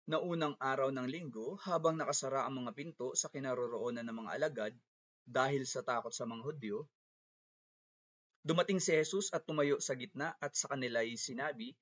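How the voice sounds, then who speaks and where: A male evangelist leading a Bible lesson, opening with a prayer and reading a scripture passage aloud with careful, measured delivery. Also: medium pitch, fairly bright tone, breathy edge. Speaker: evangelist teacher. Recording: slightly dull lo-fi sound.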